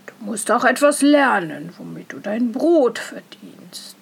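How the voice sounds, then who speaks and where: A woman's voice: a little high, lively intonation, unhurried, creaky, slightly rough, heavily acted. A woman voicing a worried, stern old peasant father in a fairy tale reading, weary and scolding. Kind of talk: storybook reading.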